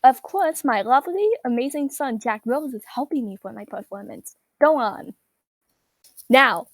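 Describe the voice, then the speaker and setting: A vain, self-crowned evil queen diva, squeaky-high and pitch-shifted through a voice changer. She talks down to everyone in a haughty, bragging way and drops swear words. The sound is close and dry, with no room around it. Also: lively intonation, normal speed, dry recording. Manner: haughty, self-aggrandizing, swears and laughs mid-sentence. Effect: voice changer pitch-shifting her voice. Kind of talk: comedic character roleplay.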